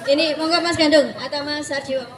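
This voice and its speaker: A woman hosting a talk, lively and teasing as she passes questions to guests. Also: sits high, brisk, crowd noise. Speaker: host. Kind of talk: moderating a talk. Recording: echoey room with audience.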